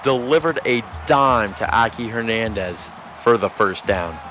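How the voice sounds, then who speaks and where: Male play-by-play caller, unhurried delivery, erupts on scoring plays. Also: on the low side, a little hiss or hum. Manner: measured, bursts into shouting on big plays. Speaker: play-by-play commentator. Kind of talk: sports commentary.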